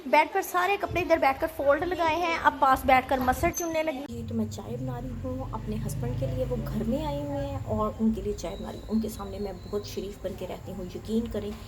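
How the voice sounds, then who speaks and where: A woman's voice: high voice, brisk, hardly any pauses. A woman, chatting casually to viewers in a home vlog, politely addressing them as she cooks. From Pakistan. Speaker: family vlogger and mother. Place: home kitchen and bedroom, indoors. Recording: household background noise.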